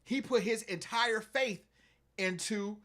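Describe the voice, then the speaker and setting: A man co-hosting a casual podcast, talking excitedly and acting out lines from scenes. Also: high-pitched, slow. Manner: excitable, acts out quotes from scenes with big voice swings. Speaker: podcast co-host. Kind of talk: casual chat.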